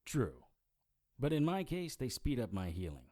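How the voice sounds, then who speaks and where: An actor playing a wry, deadpan supernatural private eye who narrates his own audio drama in a hardboiled style. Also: mid-range voice, moderate pace. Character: dry-witted male private investigator narrator. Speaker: narrator and lead character.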